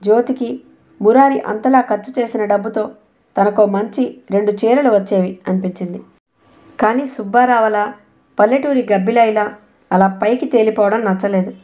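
A woman narrates a novel in a steady, even storytelling manner. Her tone is warm and mellow at a middle pitch. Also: moderate pace. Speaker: audiobook narrator.

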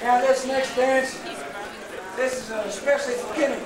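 A man's voice: extremely high pitch, level tone, normal speed. A man announcing dances at a party and coaxing the crowd to repeat after him, recorded by a camera from across a large club room. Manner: chatty, coaxing the crowd into call-and-response. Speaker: dance performer. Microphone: far camera. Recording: echoey room from far off, noisy crowd.

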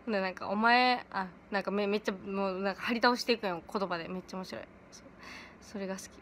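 A teenage girl with a chatting casually on a livestream from home, giggly and quick to laugh. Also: mid-range voice, expressive, fairly bright tone, slight background noise. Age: late teens. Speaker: idol livestreaming to fans. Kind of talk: casual livestream chat reading comments. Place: at home in pajamas.

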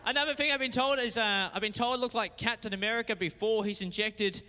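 A man's voice: high-pitched, quick pace, very noisy. A young Australian man from rural Victoria doing laid-back, self-mocking stand-up comedy on a talent show stage. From Gippsland, Victoria, Australia. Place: big theatre stage before a live audience. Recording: reverberant hall, loud audience.

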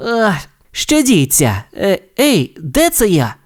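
A man's voice: high voice, huge pitch swings, slow pace, pitched above the performer's own voice, heavily acted. A man voicing a young male race car in an audio storybook, doubting and protesting. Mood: panicked. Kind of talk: storybook character voice.

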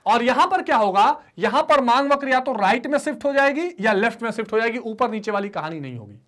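Animated male teacher, call-and-response. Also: very high voice, fast talker. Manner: call-and-response teaching, asks students to repeat terms; voices students' replies to himself. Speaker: economics teacher. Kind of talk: online classroom lecture.

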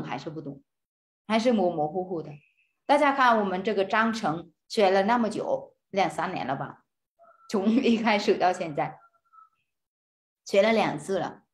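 A woman giving a casual Buddhist study lesson, repeating words and restarting, often asking her listeners rhetorical questions. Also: mid-range voice. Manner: hesitant, repeats words and restarts, frequent fillers, chuckles. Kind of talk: casual spoken Dharma lesson.

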